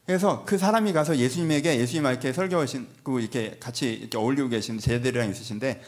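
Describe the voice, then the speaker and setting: A man preaching a Sunday sermon in a church, conversational and animated, slipping into playful voiced asides. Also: medium pitch, fast. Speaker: pastor. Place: church sanctuary.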